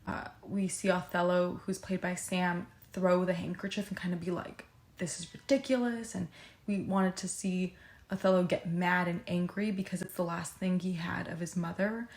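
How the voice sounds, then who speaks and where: A woman's voice: lowish voice, moderate pace. A young woman, a student co-director, casually explaining her scene choices with lots of fillers. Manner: casual, many fillers, flat delivery. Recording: echoey room.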